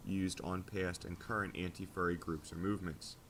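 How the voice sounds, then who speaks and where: A man giving steady, scripted documentary narration about a fan community's history, played back from a video. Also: low-pitched, normal speed. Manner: steady, informative storytelling.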